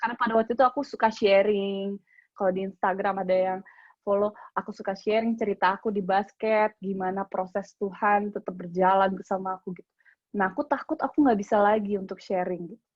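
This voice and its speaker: A woman's voice: medium pitch, steady tone, fairly quick, dry recording, lo-fi sound. A woman in her late twenties tells a personal faith testimony in an earnest, emotional way and acts out her own prayers. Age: late 20s. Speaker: speaker sharing a testimony. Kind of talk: personal testimony to a youth group.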